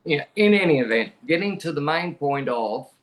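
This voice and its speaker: Fairly quick and a little high, with lively intonation, this middle-aged Australian man shares a personal tale as a podcast guest. He keeps it conversational and frank, talking plainly and repeatedly restarting his sentences.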